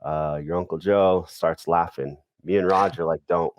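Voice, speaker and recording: Middle-aged man, very deep voice, dry close mic, relaxed podcast guest storyteller. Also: normal speed, no room sound. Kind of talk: casual storytelling.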